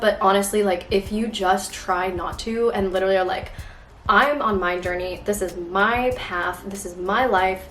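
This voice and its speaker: Chatty young woman in an echoey kitchen. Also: mid-range voice. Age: 20s. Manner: bubbly, chatty, lots of "like" fillers. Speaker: lifestyle vlogger. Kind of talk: casual chat to camera while baking. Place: home kitchen, indoors. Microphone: camera on the counter. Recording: echoey kitchen, faint music.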